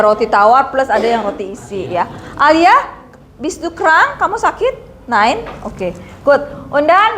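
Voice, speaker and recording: High-voiced woman teacher, noisy classroom. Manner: switches between German and Indonesian, coaxing students to read. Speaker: German language teacher. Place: classroom with students. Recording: noisy classroom with student chatter.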